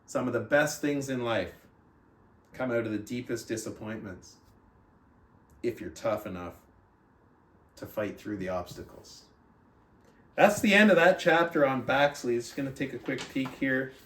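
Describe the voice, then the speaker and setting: A man hosting a book club reads aloud and gives motivational coaching talk in a mid-range, fairly bright voice with lively intonation, unhurried and pausing often. He poses rhetorical questions to his listeners, and the recording has roomy echo from a distance.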